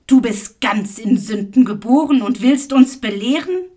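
A woman voicing stern male religious leaders who question a healed man, in a slow Bible reading. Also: fairly high pitch, lively intonation, warm tone. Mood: scolding.

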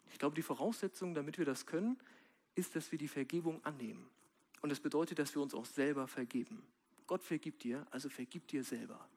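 A man giving a sermon in a casual, direct way, with slang and slow, quiet stresses. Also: a little high. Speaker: preacher.

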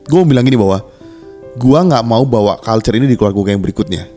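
A podcast co-host with a mid-range, dark-toned voice talks quickly, chatting personally to listeners in casual slang. He's earnest and frank and keeps restarting his words, with soft music playing underneath.

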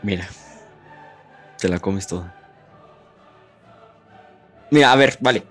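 A man's voice: lowish voice, slow, a bit bright, faint music behind. A teenage boy with a Mexican Spanish accent, co-hosting a podcast in casual banter, teasing and insistent, calling his friend "hijo". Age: teens. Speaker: podcast co-host.

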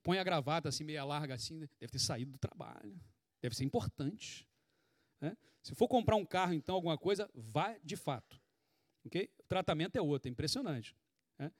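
Brazilian guy preaching, highish voice, dry close sound, chatty and lively, asks the crowd lots of questions. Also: no room sound. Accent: Brazilian Portuguese. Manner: conversational, animated preaching with rhetorical questions. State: sweating. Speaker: pastor. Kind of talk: sermon.

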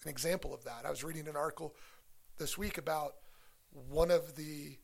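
Earnest man with a creaky voice. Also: on the high side, steady tone, moderate pace. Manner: earnest, talks through ideas with restarts. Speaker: podcast co-host. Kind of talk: casual church discussion.

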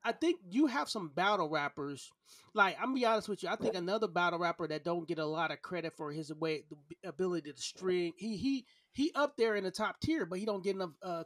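A man's voice: sits high, animated, fairly quick, fairly bright tone, dry recording, studio quality. A man in his thirties chatting casually as a podcast co-host, arguing his opinions emphatically and repeating himself for stress. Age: 30s. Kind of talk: casual opinionated debate chat.

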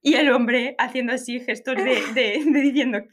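A woman tells an anecdote on a casual podcast. She talks in an animated way, with fillers and restarts. Her voice sits slightly high. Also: normal speed. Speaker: podcast co-host. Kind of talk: casual podcast chat, storytelling.

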